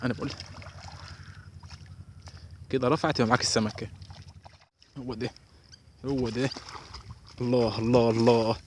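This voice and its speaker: A man with an Egyptian Arabic accent giving excited live commentary while fishing outdoors by a canal, talking to his viewers and calling out exclamations. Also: mid-range voice, moderate pace, long pauses, slight background noise. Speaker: fishing vlogger.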